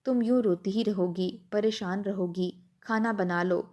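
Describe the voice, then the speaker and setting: A woman's voice: mid-range voice, fairly even intonation, mellow, lightly acted. Woman doing a scared young wife, anxious, pleading, plain middle voice. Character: frightened young married woman, tearful.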